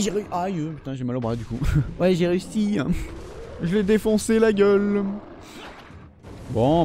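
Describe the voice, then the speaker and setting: A young man with a fairly high voice gives let's play commentary. He swears freely and taunts his enemies as he plays. Faint game gunfire sits under his voice. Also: warm tone, slight background noise. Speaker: gaming video host.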